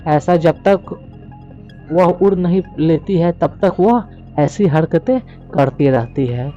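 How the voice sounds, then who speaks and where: A man teaching a poem, explaining it line by line and reading the English lines very slowly. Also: a little high, mellow, muffled recording, faint music behind. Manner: explains slowly, repeats "yani ki" often.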